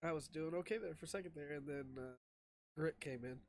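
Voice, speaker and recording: A man's voice: fairly high pitch, brisk, no room sound, studio quality. A man hosting a casual podcast chat, his voice slightly weak after an asthma attack. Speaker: podcast host.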